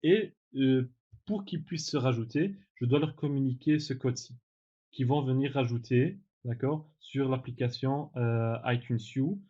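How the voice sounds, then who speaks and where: A man teaching in a relaxed tutorial, demonstrating software step by step with frequent fillers and self-corrections. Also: medium pitch, unhurried, lo-fi sound. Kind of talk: screen-recorded tutorial.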